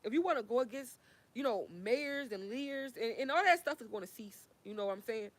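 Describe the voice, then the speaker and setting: A woman's voice: a little high, lively intonation, brisk. Fiery woman ranting to the camera. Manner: fiery, swearing, repetitive, preachy. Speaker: vlogger. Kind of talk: heated ranting monologue.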